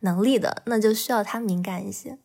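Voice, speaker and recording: A woman novelist, appearing as a podcast guest, talks a little fast in a medium-pitched voice that is gravelly, warm, and slightly rough. The conversation is casual, and she speaks candidly and reflectively, laughing now and then between thoughts.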